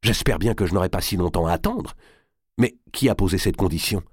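A man's voice: low-pitched, lively intonation, a little fast, husky, no echo, clean studio sound. A man reading aloud and voicing a young, impatient and stubborn king with an imperious manner. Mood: eager. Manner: imperious, pressing.

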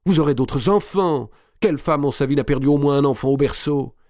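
A firm, commanding noblewoman , put on by a man. Her voice rides high and strong, pressing and persuading without pause. Read close and dry in a storybook telling. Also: expressive, mellow, dry recording, natural voice. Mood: consoling. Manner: insistent, urgent, persuading.

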